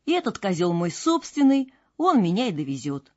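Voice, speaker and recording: A woman playing a loud, gleeful young simpleton. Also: sits high, wildly swooping pitch, normal speed. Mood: gleeful, boastful. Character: cheerful boastful young male simpleton. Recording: dull lo-fi with faint music.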